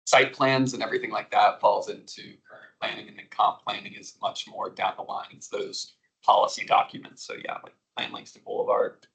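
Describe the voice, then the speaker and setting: A man's voice: on the low side, steady tone, a little fast, creaky, fairly bright tone, poor audio. A man at a commission meeting explaining how planning work is divided. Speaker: commission member. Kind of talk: public meeting discussion.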